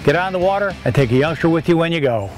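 A man's voice: fairly high pitch, expressive, rapid-fire, music in the background. An older man presenting a regional fishing report to camera outdoors by the water, reading it with frequent "uh" fillers.

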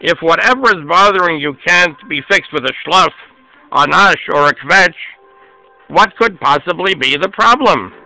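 A man's voice: on the high side, expressive, normal speed, creaky, sharp tone, dry recording, faint music behind, heavily acted, poor audio. A man doing a sleepy young girl. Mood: drowsy. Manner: drowsy, matter-of-fact.

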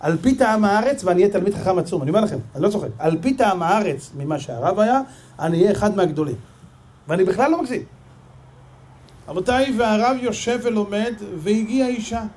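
A man with an Israeli Hebrew accent, a rabbi giving a sermon full of stories and acting out the dialogue. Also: high voice. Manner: animated storyteller, acts out dialogue. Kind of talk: sermon with storytelling.

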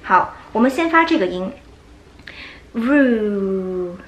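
A woman whose first language is Chinese, teaching English pronunciation and slowly demonstrating sounds. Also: fairly high pitch, lively intonation, fairly bright tone, highs cut off. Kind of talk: pronunciation lesson. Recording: echoey room with faint music.

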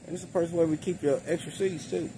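A middle-aged home gardener vlogger speaks quickly and plainly, his intonation fairly even, as he casually demonstrates gardening supplies. He's outdoors in a backyard, where noisy ambience and a traffic-like rumble fill the background.

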